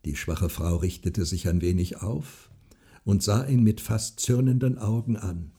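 A man reading a fairy tale aloud in calm, measured storytelling. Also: on the low side, slightly rough. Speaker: narrator.

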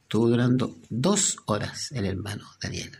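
A man preaching a sermon, telling a story and dropping to a hushed voice at its moving moments. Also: mid-range voice, expressive, normal speed, gravelly, slight background noise.

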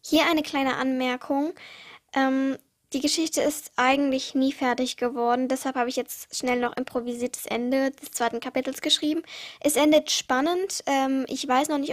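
A teenage girl reading her own short stories aloud for her podcast, with small slips and restarts. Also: sits high. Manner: reads with small slips and restarts, uneven pace.

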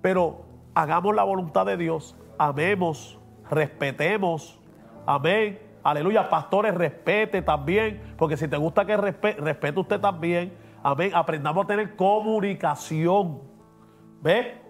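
Pastor for a preaching podcast, high voice, emphatic, faint music underneath. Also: male voice, a little slow, vocal fry. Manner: emphatic and preachy, drops English words in. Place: podcast studio.

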